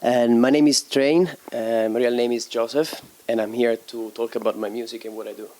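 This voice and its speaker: A young Italian DJ and producer, appearing as a guest, answers interview questions haltingly, often hunting for words and laughing easily. His voice is mid-range, mellow and flat in delivery.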